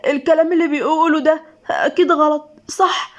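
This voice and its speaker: A woman's voice: high voice, steady tone, fairly quick, muffled recording, voice pushed up, close to an everyday voice. A woman voicing a grief-stricken young husband pleading in Egyptian Arabic. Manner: pleading, voice rising in anguish.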